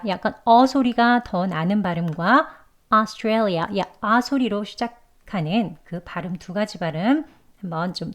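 A Korean-speaking woman teaching English pronunciation, explaining patiently and slowly repeating sounds to demonstrate them. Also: mid-range voice. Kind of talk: pronunciation lesson.

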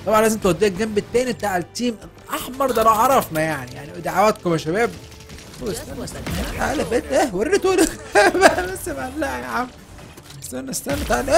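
A man with an Egyptian Arabic accent hosting a gaming channel and giving excitable, joking let's-play commentary while laughing often. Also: very high voice, racing, gravelly, music in the background.

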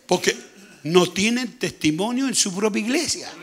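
A man with a Chilean accent preaching a sermon as pastor, with a hoarse, gravelly voice, talking loudly and repeating himself as he goes. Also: sits high, lively intonation, moderate pace. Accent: Chilean Spanish. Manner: speaks loudly, conversational preaching with frequent repetition. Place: church.

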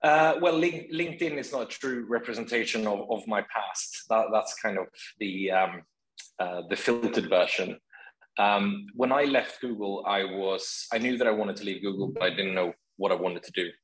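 Low-voiced man from Sweden. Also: normal speed, slight background noise, rough recording. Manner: relaxed, many ums. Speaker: guest, startup founder. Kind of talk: video-call interview.

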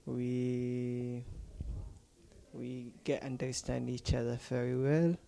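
Gravelly, halting young man from Somaliland. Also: medium pitch, little pitch movement, warm tone. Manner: halting, searching for words. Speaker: exchange student. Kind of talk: casual interview answers.

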